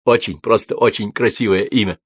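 A man doing a booming effusive horse husband. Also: steady tone, fairly quick, slightly rough, no echo. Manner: loud, repetitive exclamations.

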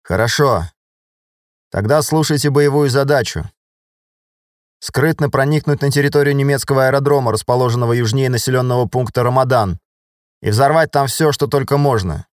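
A man as a brisk, confident lieutenant. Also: medium pitch, no echo, studio quality, voice pushed up, close to an everyday voice. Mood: commanding. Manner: brisk, commanding, wry. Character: sharp, confident young male lieutenant.

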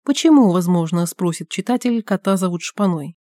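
A woman narrating an audiobook detective novel in measured storytelling with wry asides. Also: on the low side, animated, mellow, no room sound, studio quality. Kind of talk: scripted narration.

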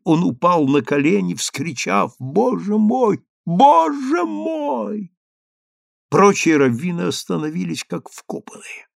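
A man giving a steady, dramatic audiobook narration. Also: a little high, vocal fry, dry recording, studio quality. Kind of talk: scripted narration.

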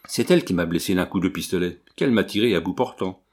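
A man's voice: deep voice, fast talker, voice pushed down. A man reading as an earnest wounded officer. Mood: earnest, urgent. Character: ardent young officer, wounded, earnest and passionate.

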